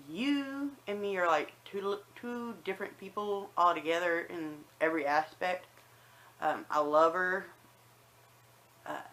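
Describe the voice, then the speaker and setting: A woman's voice: on the low side, a bit bright, poor audio. Chatty woman with a slight whistle. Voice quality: slight whistle on some words from new dentures. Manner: conversational, acts out remembered remarks. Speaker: personal vlogger. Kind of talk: casual chatty personal storytelling.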